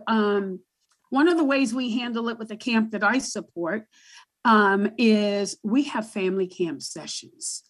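Appearing as a guest advocate on a panel, a woman with a booming voice speaks emphatically, repeating herself as she works through her thoughts.

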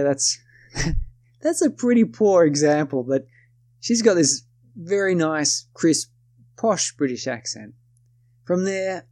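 A man's voice: a little high, warm tone, no echo, studio quality. A man with an Australian accent narrating his own story in first person, wry and self-deprecating.

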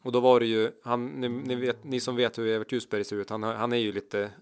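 A man's voice: medium pitch, flat delivery, clean tone. A man co-hosting a casual chat, telling a long anecdote and acting out the people in it. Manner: rambling storyteller, acts out quotes. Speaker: podcast co-host, musician.

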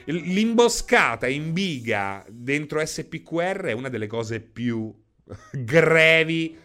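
A man's voice: a little high, animated, slow pace, pushed and bright. Chatty man live-streaming. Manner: chatty, laughs often, addresses viewers by name. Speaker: streamer reading chat. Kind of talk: casual live-stream chat.

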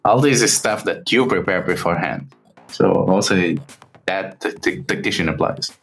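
Deep-voiced man as game master. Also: fairly bright tone, breathy edge, soft background music, poor audio. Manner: descriptive, measured narration with restarts. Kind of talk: narrating a tabletop game.

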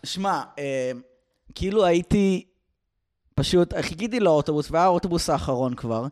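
Rambling, higher-voiced man comic. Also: animated, darkish tone. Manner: rambling, hesitant storytelling full of trailing restarts. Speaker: comedian and podcast co-host. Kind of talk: casual comedy podcast chat.

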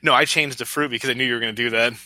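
A man's voice: medium pitch, fairly even intonation, very fast, pushed and bright, dry recording. A man telling crude jokes in a casual podcast chat, laughing and swearing among friends. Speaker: podcast co-host.

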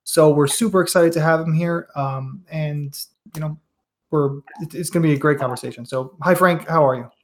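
A man's voice: fairly high pitch, normal speed. Eager podcast host, a man. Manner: eager, stumbling over words. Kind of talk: casual interview.

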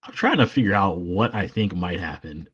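A man's voice: deep voice, animated, normal speed, a bit bright, breathy edge, dull audio. A man co-hosting a podcast, hesitantly thinking aloud about where a story goes. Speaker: podcast co-host. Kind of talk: casual podcast chat.

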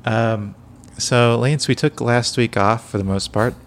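A man co-hosting a casual comedic podcast, talking in a quiet, low-key late-night way with a halting, rambling, dry joking delivery. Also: fairly even intonation, slight background noise. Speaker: podcast co-host.

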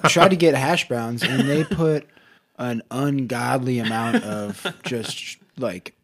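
A man's voice: medium pitch, slow. A man playing on a tabletop podcast, chatting casually and griping with some swearing in a rented cabin. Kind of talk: casual chat.

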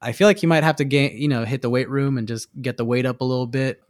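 A man appears as a podcast guest and talks at an ordinary, middling pitch. He rambles in a loose way, stopping and restarting his thoughts. The recording is close and dry. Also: fast, no echo. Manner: loose and rambling, many fillers and restarts, laughs easily. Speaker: guest, tattoo artist. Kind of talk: casual interview chat.

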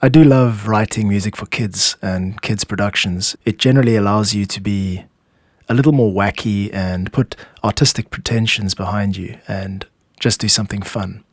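A podcast host who is a music composer gives scripted, explanatory narration for his show. His voice is fairly low, steady and at normal speed, recorded with studio quality and no echo.

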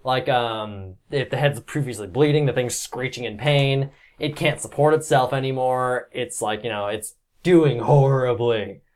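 A man's voice: mid-range voice, unhurried, a little mellow. A man narrating a tabletop game as game master, loose and rambling, with plenty of swearing.

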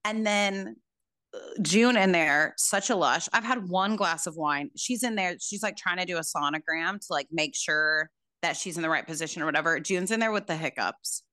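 A woman's voice: on the low side, moderate pace, sharp tone, no room sound, clean studio sound. A woman casually telling a personal story in a chatty way, with lots of fillers. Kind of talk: casual chat.

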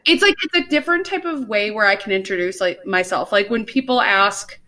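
Over a video call, a young woman co-hosts a podcast in rambling, casual chat full of fillers and laughs. Her mid-range voice is brisk, pushed, and bright, with lively intonation.

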